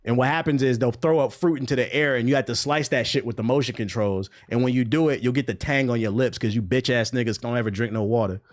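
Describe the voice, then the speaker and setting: A man's voice: medium pitch, quick pace, few pauses. A young man riffing casually on gaming news during a live stream, mocking and profane, with bursts of laughter between comments. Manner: animated, profane, mocking banter.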